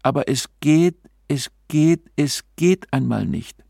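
Guy doing a young noble lady begging her lover, earnest, pitched up, gravelly, dry sound. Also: animated, slow pace, mellow, no echo, heavily acted. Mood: pleading. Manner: pleading, earnest, raised tone. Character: young noblewoman, pleading and torn. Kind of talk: audiobook character reading.

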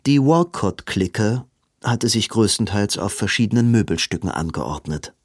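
A man narrating a novel in an even, measured storytelling manner. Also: lowish voice, no echo, clean studio sound. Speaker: audiobook narrator. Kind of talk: scripted narration.

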